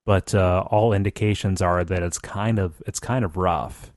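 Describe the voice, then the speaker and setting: A man's voice: deep voice, steady tone, moderate pace, darkish tone, no room sound, clean studio sound. A man hosting a casual podcast chat, rambling and joking with many restarts. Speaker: podcast host.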